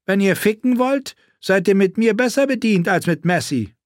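A man's voice: high-pitched, animated, normal speed, dry recording, clean studio sound, pitched above the performer's own voice. A man voicing a sneering, crude and arrogant male knight in an audiobook, taunting and contemptuous.

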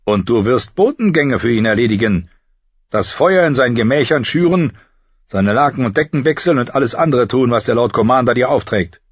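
A man's voice: mid-range voice, expressive, brisk, husky, no echo, voice pushed up. A man voicing a stiff formal steward. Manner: formal, matter-of-fact. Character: stiff middle-aged male steward. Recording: slightly dull recording.

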